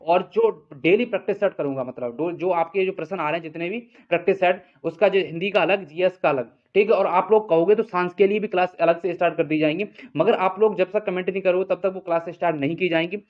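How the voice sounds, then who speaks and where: This exam coaching teacher and channel host has a high male voice and talks fast with few pauses, briefing his students informally on exam news. His style is explanatory and repetitive, circling back over points and constantly checking in with them. The recording sounds dull and low-fidelity.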